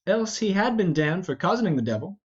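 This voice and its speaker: A man's voice: high voice, sing-song, fairly quick. A man voicing a witty, teasing young prince with bantering retorts in an amateur Shakespeare reading. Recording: dull, lo-fi.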